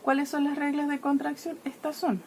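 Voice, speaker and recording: A woman teacher with a somewhat high voice walks through a grammar lesson step by step. She keeps checking in with her class with a short "¿ya?" and makes the rules vivid by treating letters as characters that clash and die off. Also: level tone, moderate pace, darkish tone, a little hiss or hum. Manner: checks in constantly with "¿ya?"; playful, personifies letters dying and fighting. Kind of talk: explaining Greek grammar lesson.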